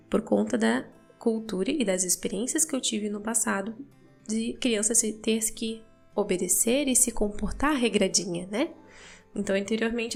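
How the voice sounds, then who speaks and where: A young woman with a Brazilian accent tells a story in an easy, chatty way, tossing in little tag questions. Her mid-range voice has a gravelly, creaky edge, and quiet music plays behind her. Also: medium pitch. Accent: Brazilian Portuguese. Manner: chatty, many tag questions, acts out dialogue. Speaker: podcast host, mother. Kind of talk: casual storytelling.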